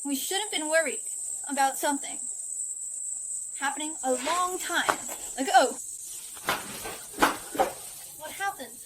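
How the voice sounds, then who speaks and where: A woman's voice: high-pitched, takes it slowly, pauses often, very noisy. A woman playing an anxious mother begging for help for her daughter in a dubbed drama. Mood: desperate. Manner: pleading, anxious.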